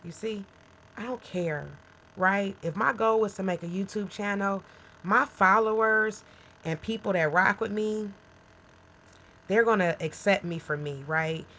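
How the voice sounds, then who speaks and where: Her mid-range voice is a bit bright and unhurried, captured on a rough recording. In her forties and running a small business, she talks casually and straight to the viewer, frankly encouraging and frequently asking "okay?" or "right?"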